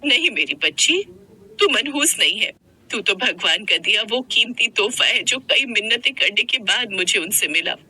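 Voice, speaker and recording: A woman voicing a gentle, long-suffering poor young mother in a cartoon story, speaking softly and tenderly. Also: mid-range voice, expressive, normal speed, breathy edge, exaggerated voice.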